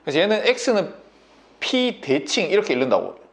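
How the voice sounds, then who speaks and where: Male math tutor, gravelly and lively, bossy casual checks, sore throat. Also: sits high, normal speed. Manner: bossy, coaxing banmal, constant checks like "인정?" and "됐니?". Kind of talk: whiteboard math lesson.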